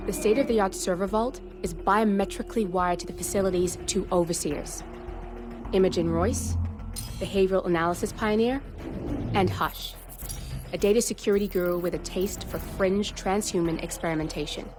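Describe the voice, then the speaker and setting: In video game cutscene acting over the game's score, an actress plays a sardonic young hacker and handler briefing her partner. Her mid-range voice is blunt, wry and matter-of-fact at normal speed, close to everyday speech.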